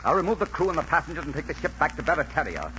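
A man's voice: a little high, very animated, racing, pushed and bright. An actor playing a bold pirate captain who gives firm orders and teases his captives, in an old radio drama. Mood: commanding. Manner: authoritative, teasing. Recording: hissy, muffled old radio recording.

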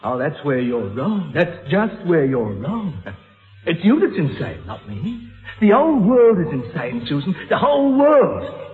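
An unhinged mocking killer. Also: male voice, a little high, huge pitch swings, measured pace, faint music behind. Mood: defensive. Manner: mocking, swinging wildly between menace and giggling. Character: unhinged young male killer taunting a captive. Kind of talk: radio-drama acting. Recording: tinny old radio recording in echoey hall.

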